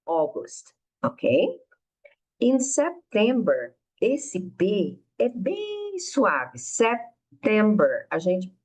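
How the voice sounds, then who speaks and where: A woman from Brazil teaching an English lesson, clearly modeling words for learners to repeat. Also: low voice, darkish tone, poor audio. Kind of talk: recorded online lesson narration.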